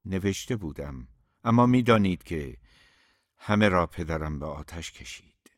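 A man's voice: sits low, lively intonation, no room sound, studio quality. A man reading an audiobook, voicing a troubled young poet who speaks in a hesitant, subdued way.

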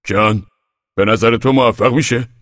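A man's voice: medium pitch, steady tone, fairly bright tone, no room sound, clean studio sound, pitched above the performer's own voice, natural voice. A man voicing a tired, homesick farmer father who feels defeated, in an audiobook. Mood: weary, resigned. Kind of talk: audiobook character reading.

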